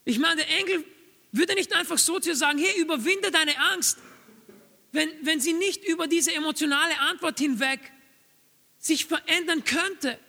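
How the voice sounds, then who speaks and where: High, bright-voiced man preaching in a hall. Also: normal speed, gravelly. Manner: earnest, urging, repeats key phrases. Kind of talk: sermon. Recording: long reverb of a large hall.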